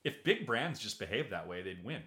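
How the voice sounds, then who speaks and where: A man's voice: lowish voice, big pitch swings, a little fast, sharp tone. A man co-hosting a podcast, chatting casually, often agreeing and stumbling over repeated words. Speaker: podcast co-host. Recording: roomy echo.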